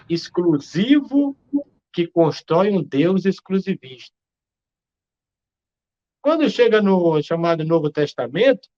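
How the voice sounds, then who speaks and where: A Brazilian man in his forties argues his point with emphasis, piling up rhetorical questions. His voice sits a little high. The sound is dull and lo-fi, as over a video call. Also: darkish tone. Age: 40s. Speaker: theologian guest. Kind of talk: live-stream discussion.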